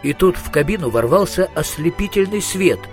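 A male audiobook narrator, even and measured, his voice sitting a bit high for a man. Soft music plays faintly beneath the reading. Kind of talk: scripted narration.

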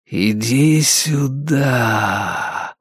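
A man doing the whispered role-play of a haunted temple's voice, a sly thing that speaks in a slow, drawn-out, mocking whisper. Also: medium pitch, slightly rough, dry recording, studio quality.

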